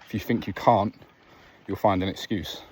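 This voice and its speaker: Speaking at a normal speed in a fairly low, steady, slightly rough voice, a vlogger gives a casual motivational talk while walking outdoors in the evening. He shares earnest, reflective stories with restarts, as faint outdoor sounds and a dog are heard in the background.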